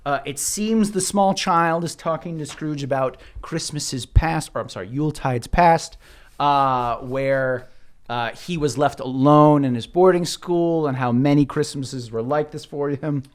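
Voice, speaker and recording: A man with a fairly high voice works as game master for a tabletop role-playing game. He improvises scene descriptions in an informal, joking way and often breaks off to correct himself. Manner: informal, joking, self-interrupting.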